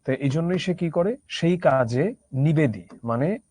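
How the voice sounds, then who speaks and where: A man's voice: a little high, expressive, measured pace, dark tone, a little hiss or hum. A man teaching a literature lesson conversationally, asking his students rhetorical questions. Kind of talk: Bangla literature lecture.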